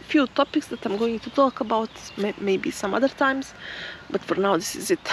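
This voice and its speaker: A woman vlogging outdoors in her garden, chatting in a relaxed, rambling and self-deprecating way. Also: on the high side, slight background noise, poor audio. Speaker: nature vlogger.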